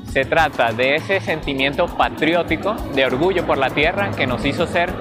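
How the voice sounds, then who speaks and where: Male narrator, measured explanatory delivery, faint music bed. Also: a little high. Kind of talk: scripted narration.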